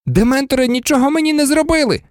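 Harry, shouting excited teen boy, as a reader puts him on. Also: high voice, fast, no room sound, studio quality, pitched above the performer's own voice, close to an everyday voice. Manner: breathless, shouting with joy. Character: excited teenage boy wizard.

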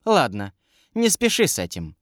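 A man's voice: medium pitch, wildly swooping pitch, moderate pace, fairly bright tone, dry recording, studio quality. A man reading an audiobook, voicing a curious, commanding young queen with a lightly raised voice. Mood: teasing.

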